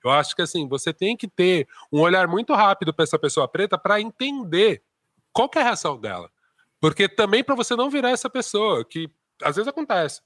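A man in a casual discussion who talks in an animated, slangy way and often acts out what other people say. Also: high-pitched, a little fast, no room sound, clean studio sound. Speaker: discussion panelist.

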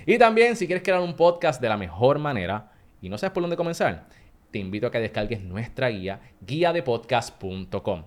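Animated podcast host man. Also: mid-range voice. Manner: animated, laughs often. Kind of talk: lively podcast interview and ad read.

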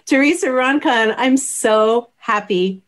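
A woman's voice: a little high, slow pace. Upbeat woman host, casual interview tone, friendly and chatty. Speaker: podcast host.

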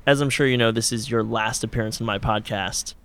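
A man's voice: on the low side, steady tone, brisk, a bit bright, clean tone. A man hosting a podcast, speaking in a dry, wry scripted way. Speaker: podcast host.

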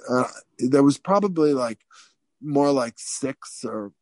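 A man as an interview guest telling a story casually, animated and profane, with many fillers and restarts. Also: medium pitch, takes it slowly, no echo.

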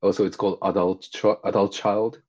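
A man's voice: fairly low pitch, level tone, brisk, darkish tone, dull audio. A man from Japan with a Japanese accent, a guest therapist answering interview questions hesitantly, with many fillers and restarts.

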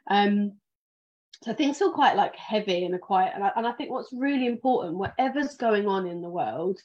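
A woman's voice: mid-range voice, expressive, normal speed, darkish tone, lo-fi sound. A woman with a southern English accent hosting a podcast, chatting loosely with many ums and restarts, a little sleepy. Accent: British, southern English. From England. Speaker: podcast host, financial planner. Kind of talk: casual livestream chat.

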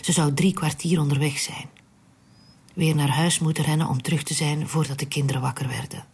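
A narrator reading a literary story aloud in a hushed, unvoiced whisper, in a whispered storytelling style. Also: mid-range voice, steady tone, a little fast, breathy edge.

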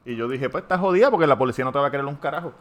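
A man with a Puerto Rican Spanish accent, hosting a podcast and telling a story to friends in a casual, animated way, swearing freely. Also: medium pitch, rapid-fire. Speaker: podcast host.

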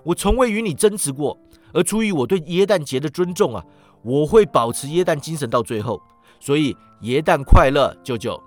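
A man's voice: on the high side, lively intonation, normal speed, soft background music, lightly acted. A man voicing a cheerful young nephew who pleads in an earnest way.

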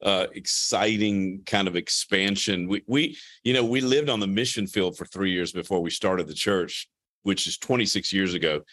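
A man from Louisiana, a guest pastor with a deep radio voice, talking casually and self-deprecatingly on a podcast, with halting restarts. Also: fairly bright tone, dry recording, clean studio sound.

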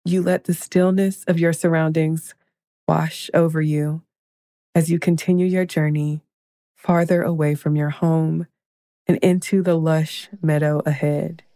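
A woman leading a guided meditation in a slow, soothing, hushed manner, counting breaths and counting down. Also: low-pitched, little pitch movement, no echo, studio quality.

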